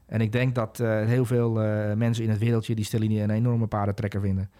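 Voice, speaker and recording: A man's voice: on the low side, little pitch movement, brisk, warm tone. A man analysing football in a casual podcast chat, hesitant, with many fillers and restarts.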